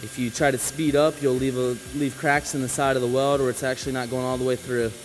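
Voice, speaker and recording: A man who installs flooring, giving a casual on-the-job demonstration, relaxed and practical as he talks while working. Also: mid-range voice, fast talker, slight background noise, rough recording. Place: indoor work floor.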